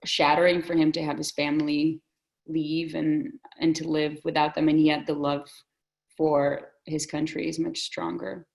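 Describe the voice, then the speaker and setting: A woman's voice: low-pitched, little pitch movement, a little slow, creaky, darkish tone, low-quality recording. A woman from the Soviet Union in a casual film discussion, talking thoughtfully and hedging her opinions. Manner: thoughtful, hedging, restarts often. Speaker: discussion guest.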